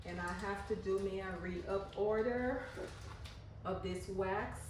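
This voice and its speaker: At a slow pace and with a mid-range voice, a Guyanese-accented candle maker chats her way through a casual demo in her home garage, repeating herself loosely as she works. The background is noisy with passing cars and lawn mowing. Recorded from a distance, the garage sounds echoey.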